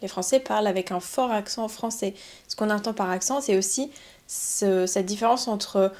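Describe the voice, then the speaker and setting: Calm, methodical French teacher woman. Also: mid-range voice, normal speed. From France. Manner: calm, methodical explaining, building points step by step. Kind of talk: explanatory podcast talk.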